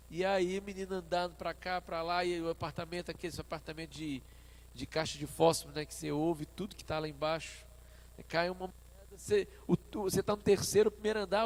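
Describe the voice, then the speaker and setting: A man with a Brazilian Portuguese accent, a pastor preaching a sermon at a church service and telling stories in an animated way. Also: high-pitched. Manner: animated storytelling, acting out his own past dialogue.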